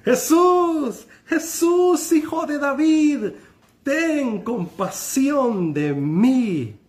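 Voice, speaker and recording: Preacher putting on a blind beggar, high, shouted pleas for mercy. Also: male voice, expressive, drawn-out words, full character voice. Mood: desperate pleading. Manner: shouting, pleading.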